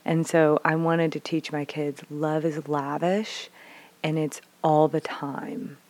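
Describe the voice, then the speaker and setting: Low, slow-spoken earnest mother. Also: level tone, a little mellow. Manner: earnest, thoughtful, speaks with 'like' and 'um'. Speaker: parent sharing experience. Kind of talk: casual reflective talk.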